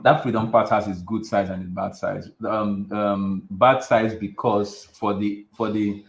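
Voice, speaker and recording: A man's voice: fairly low pitch, little pitch movement, measured pace, gravelly. Guy chatting about marriage, rambly, lots of um and restarts, room echo. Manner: rambling, many restarts and fillers. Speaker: show host. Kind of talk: casual relationship advice chat. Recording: echoey room.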